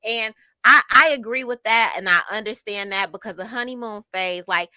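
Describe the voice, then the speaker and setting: A middle-aged woman co-hosting a casual chat show, reading viewer comments aloud and reflecting on them in a measured way. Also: a little high, bright, forceful tone, smooth, no echo.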